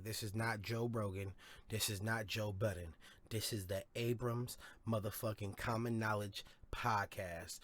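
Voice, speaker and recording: A man's voice: on the low side, fairly bright tone. A man hosting his own podcast in a rambling, profane, hyped-up monologue. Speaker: podcast host. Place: home studio or car, smoking a blunt.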